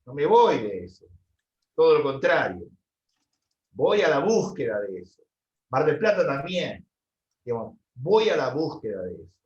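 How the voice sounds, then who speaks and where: A photography teacher from Buenos Aires talks with a Rioplatense accent. He answers a student's question in a halting way, with many fillers and repeated words. His voice sits at a mid pitch and comes through dull, lo-fi audio. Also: big pitch swings, darkish tone. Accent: Rioplatense Spanish. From Buenos Aires, Argentina. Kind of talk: answering a question in an online class.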